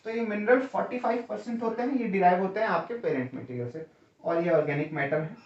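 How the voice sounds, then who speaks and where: A man's voice: high-pitched, fast talker, a little mellow. Echoey, distant man teaching. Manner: explains step by step, keeps asking "है ना?" and "ठीक है?"; calls students "भैया". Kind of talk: exam-prep lecture. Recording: roomy, distant, dull lo-fi sound.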